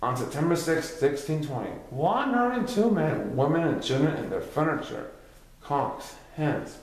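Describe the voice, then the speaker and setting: Reading a history story aloud as narrator, this man occasionally trips over a word. The voice sits at medium pitch with a slightly mellow quality, captured in a strongly reverberant, echoey room.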